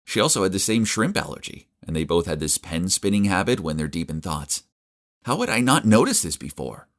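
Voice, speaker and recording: A man's voice: deep voice, big pitch swings, fairly quick. A young man narrating a dramatic first-person story in a confiding tone.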